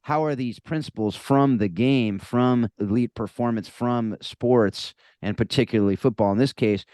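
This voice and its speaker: A man's voice: mid-range voice, moderate pace, darkish tone, no echo, clean studio sound. A man hosting a podcast, talking casually with many restarts and asides. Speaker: podcast host. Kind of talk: casual interview chat.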